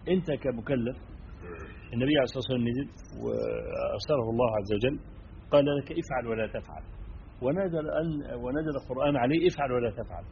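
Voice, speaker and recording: A man with an Egyptian accent preaching a sermon, turning from emphatic stress to quiet asides and checking in with his listeners. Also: mid-range voice, gravelly. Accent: Egyptian Arabic. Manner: swings between emphatic and hushed, asks listeners "right?". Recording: dull lo-fi recording with faint noise.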